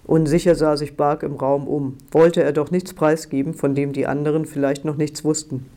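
A man's voice: on the high side, flat delivery, normal speed, dark tone. A man reading a novel aloud as a narrator, voicing the characters' lines with only small changes to his voice. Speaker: audiobook narrator.

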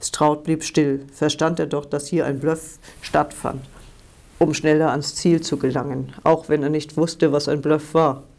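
A man's voice: a little high, flat delivery, measured pace, gravelly, a little mellow. A man reading a novel aloud as a narrator, voicing the characters' lines with only small changes to his voice. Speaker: audiobook narrator.

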